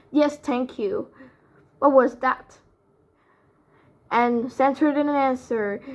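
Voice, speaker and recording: Slow, careful woman reading a story aloud. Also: high voice. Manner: careful, with small slips and restarts. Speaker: reader.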